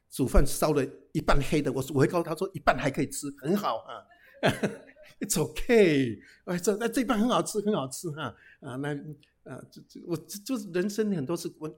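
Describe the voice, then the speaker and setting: A middle-aged man, a pastor, giving a humorous sermon, telling lively anecdotes peppered with casual tag particles and English phrases. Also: fairly high pitch, breathy edge. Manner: lively storytelling with frequent "哈" tags and English phrases.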